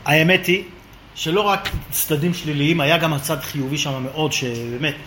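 High bright guy preaching, animated storytelling, echoey room. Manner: lively, acts out quoted voices. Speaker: religious lecturer. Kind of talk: humorous storytelling sermon.

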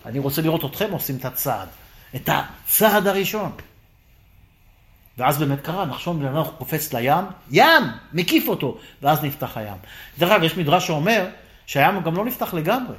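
A man teaching a lively Torah class, firing rhetorical questions and acting out the dialogue. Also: a little high.

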